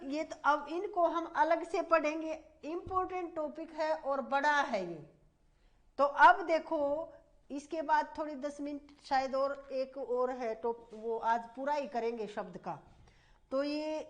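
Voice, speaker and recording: A woman teaching a grammar lesson for exam students, explaining at length and repeating points, often calling her students "bhai". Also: high-pitched.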